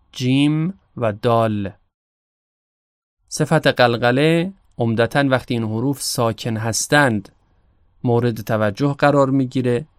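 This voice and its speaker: A Persian-speaking man teaching Arabic pronunciation for recitation, calm and measured, slowing down on the Arabic examples. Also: medium pitch, clean tone, dry recording, clean studio sound. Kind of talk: explanatory lesson.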